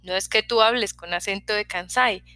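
A woman voicing a quiet teenage boy who answers in short, hesitant phrases. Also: medium pitch, normal speed, no room sound. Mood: shy. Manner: terse, hesitant replies. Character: shy quiet teenage boy, few words.

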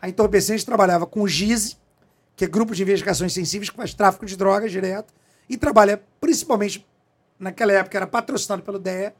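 A man's voice: high voice, fast. A middle-aged man from Brazil, a police chief, telling a story as an interview guest in a profane, emphatic way. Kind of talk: animated storytelling in a podcast interview.

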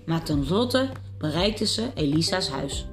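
A woman calmly and clearly reading children's Bible stories and picture books aloud. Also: low-pitched, unhurried. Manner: calm, clear storybook reading. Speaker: storyteller. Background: faint music.

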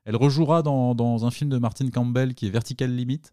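A man's voice: mid-range voice, steady tone, fast talker, dark tone, no echo, clean studio sound. A man casually retelling a film's plot on a podcast, with many fillers and restarts. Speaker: podcast co-host. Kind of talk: casual film discussion.

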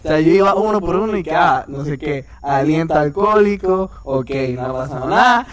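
A young man casually telling a story to friends on a podcast, animated and slangy, acting out his own past lines with nervous laughs. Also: a little high, fairly quick, a crowd in the background.

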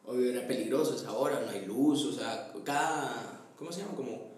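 A young man with a Guatemalan accent telling a story in casual chat, animated and quick to laugh, acting out his family. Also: medium pitch, far from the mic. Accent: Guatemalan Spanish. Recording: echoey room, voice a bit off-mic, faint ambience.

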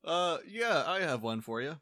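Brief: man voicing a mocking, menacing town guard, a bit raised and crisp, dry close sound. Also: on the high side, very animated, normal speed, bright, forceful tone, no room sound, pitched above the performer's own voice, heavily acted. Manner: sneering, threatening.

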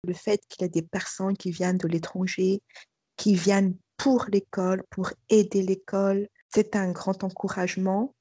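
A woman's voice: fairly low pitch, mellow, breathy edge, no echo. A middle-aged woman, a school director, giving a hesitant personal testimony full of fillers and restarts. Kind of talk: testimony interview.

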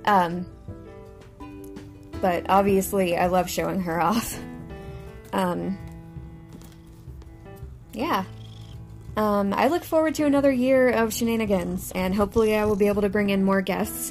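A young woman hosting her own podcast in a casual, chatty way, with lots of fillers and restarts. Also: medium pitch. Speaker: podcast host. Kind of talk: casual solo podcast chat.

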